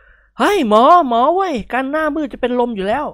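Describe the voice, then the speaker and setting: A man reading a story aloud and voicing a frightened jokey sidekick who yells and pleads in a shrill voice. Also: animated, measured pace, no room sound, clean studio sound. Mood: yelling.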